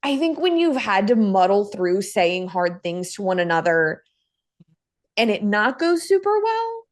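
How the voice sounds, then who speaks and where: A woman hosting a podcast, telling a personal story in an animated way with quick asides. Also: mid-range voice. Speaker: podcast host. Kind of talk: casual interview chat.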